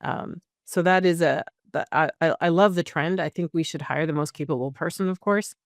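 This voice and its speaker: Hosting a casual podcast interview, a middle-aged woman speaks in a low voice at a slightly fast pace. She is conversational and encouraging, with frequent fillers and restarts. The recording is dry, with clean studio sound.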